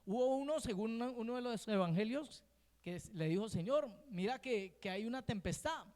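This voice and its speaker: A man's voice: very high voice, animated, normal speed, darkish tone, in a large hall. A man preaching a sermon as pastor, often checking in with the congregation with short questions. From Colombia. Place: church hall.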